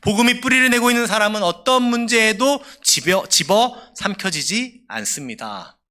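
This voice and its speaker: A male pastor delivers a sermon with an emphatic delivery that rises and falls. His voice sits high and swings widely in pitch. Its tone is very bright and sharp. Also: expressive, normal speed. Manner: emphatic, rising and falling preaching delivery.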